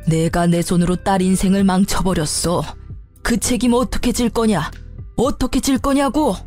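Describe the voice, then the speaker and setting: A woman voicing a furious middle-aged father who shouts insults and demands at his cheating son-in-law. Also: medium pitch, normal speed, soft background music, close to an everyday voice.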